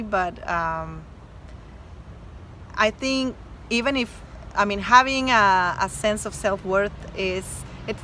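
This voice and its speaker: In a rough recording with slight background noise, a woman from Mexico speaks with a medium-pitched, sharp-toned voice and a Mexican Spanish accent. She's a doctor guesting on a casual interview, talking earnestly and emphatically with lots of fillers and restarts.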